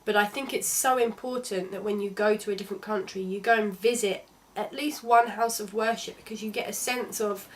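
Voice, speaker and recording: A woman's voice: mid-range voice, steady tone, a little fast, few pauses. Chatty young woman. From London. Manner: chatty and candid, with frequent restarts. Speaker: travel vlogger. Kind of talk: casual travel vlog narration.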